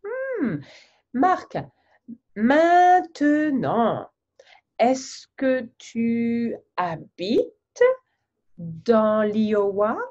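Here a woman with a slightly high voice hosts a slow interview with a colleague, speaking simple French for learners. She's theatrical, posing exaggerated questions and gesturing widely, and she's on a webcam call from an indoor home office with a virtual background. The recording is muffled.

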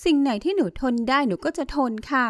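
A woman's voice: high voice, animated, brisk, no echo, studio quality, pitched above the performer's own voice. A woman voicing a sweet-talking, scheming young female rival in a dramatized story, speaking in a sugary, falsely humble way.

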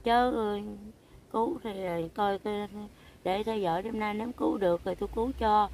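An older woman with a Mekong Delta accent, recounting a family hospital story in a halting way, with many fillers. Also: mid-range voice, steady tone, a little mellow, a little hiss or hum. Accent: Mekong Delta Vietnamese. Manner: halting, many fillers, quotes others in her own voice. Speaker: interviewee. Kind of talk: emotional recounting.

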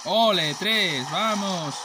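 A man with a Spain Spanish accent giving excitable, profane let's play commentary, joking and trash-talking rival racers. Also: sits high, drawn-out words. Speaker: gaming channel host. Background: racing game music and sounds.

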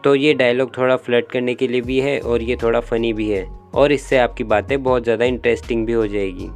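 A man's voice: mid-range voice, steady tone, brisk, soft background music. Chatty young man giving dating tips. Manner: chatty, instructive, acts out both sides of sample dialogues. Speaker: YouTube dating-tips host. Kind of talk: casual explainer vlog.

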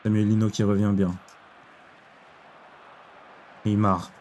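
Excitable young man commenting football gameplay. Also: lowish voice, brisk, a little hiss or hum. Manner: excitable, exclaims and groans at plays. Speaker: gaming YouTuber.

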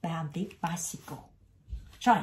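A woman with a Southern Vietnamese accent tutoring English vocabulary one-on-one, patiently drawing words out slowly and repeating them. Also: lowish voice, darkish tone, a little hiss or hum.

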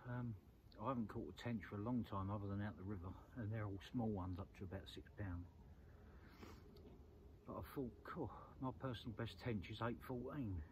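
Out by a lake at night and at dawn, a middle-aged fishing vlogger speaks casually to camera in a fairly low voice, fairly quickly, often repeating little phrases. The audio comes from a clip-on lapel mic and is lo-fi, with background noise clearly audible outdoors.

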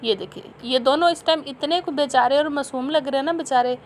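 Pakistani woman in her thirties, high bright voice, voice-over for a family vlog, teasing and amused, faint room hum behind. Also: brisk. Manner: amused, teasing, breaks into laughter. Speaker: family vlogger and mother. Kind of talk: chatty voice-over narration.

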